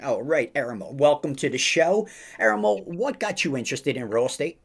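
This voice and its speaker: A man's voice: on the high side, expressive, vocal fry, husky. Upbeat, emphatic podcast host man. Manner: slow, emphatic, upbeat delivery with drawn-out phrases; repeats praise like a mentor. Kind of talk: podcast interview on a video call.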